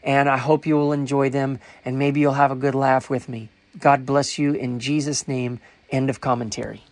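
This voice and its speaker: A man's voice: medium pitch, flat delivery, normal speed, dry recording. A man preaching in a recorded commentary, earnest and emphatic with a playful side.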